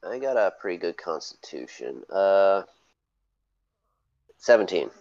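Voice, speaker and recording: A man's voice: low-pitched, very animated, unhurried, creaky, darkish tone. A man playing a tabletop game, joking and playful. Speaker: player. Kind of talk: casual tabletop role-play. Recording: dry, muffled lo-fi mic.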